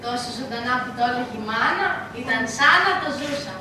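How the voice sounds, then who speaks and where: A woman's voice: high voice, animated, background noise. A young woman acting a timid, frightened little sister in a school stage play, small and hesitant, recorded from far off on an echoey stage. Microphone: distant camera mic.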